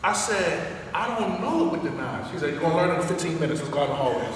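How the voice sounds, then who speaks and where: A man, a former police officer and karate student, telling a lively story and acting out the voices of the people in it. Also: fairly high pitch, quick pace, a crowd in the background. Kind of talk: animated storytelling. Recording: echoey hall, distant mic, noisy.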